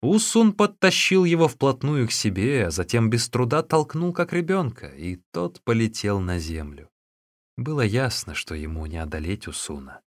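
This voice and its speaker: A man narrating a classic adventure novel as an expressive audiobook reading. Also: mid-range voice, moderate pace, no echo, clean studio sound. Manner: expressive storytelling.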